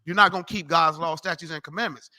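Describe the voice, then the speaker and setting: On a street corner, a high-pitched male preacher loudly teaches a Bible class at a quick pace, his tone bright and forceful. He is brash and profane, mocking listeners and telling them off.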